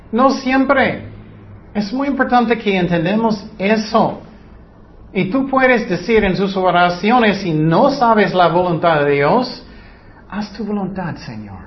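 A high-pitched man delivers a Bible teaching at an unhurried pace, pressing his point with rhetorical questions and sarcastic imitations of other believers. The recording sounds a little dull and lo-fi. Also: lively intonation. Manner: mimics mocking quotes of others. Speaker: preacher.

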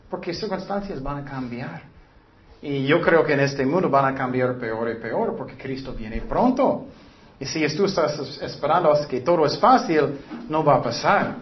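Earnest man preaching, lo-fi sound. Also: a little high. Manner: earnest, asks the listeners rhetorical questions. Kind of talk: sermon. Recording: dull lo-fi recording.

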